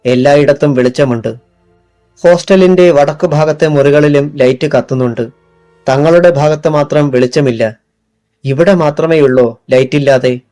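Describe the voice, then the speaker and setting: A man narrating a novel in a steady, even storytelling voice. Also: a little high, moderate pace, soft background music. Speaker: audiobook narrator.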